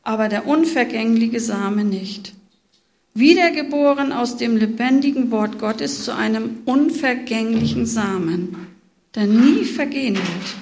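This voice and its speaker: Slow, expressive woman preaching. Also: on the high side. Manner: slow, expressive, speaks to listeners directly. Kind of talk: sermon with Bible reading.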